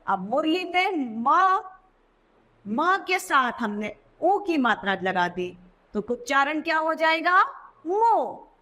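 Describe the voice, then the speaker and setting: A woman teaching a children's Hindi lesson, sounding out words slowly and repeating them. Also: high voice, very animated, pushed and bright.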